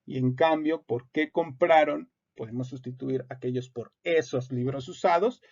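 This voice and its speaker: Gravelly man teaching grammar. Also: medium pitch, moderate pace, a little mellow. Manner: methodical, reads example sentences aloud. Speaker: instructor. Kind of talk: explanatory lesson on grammar. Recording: dull lo-fi recording.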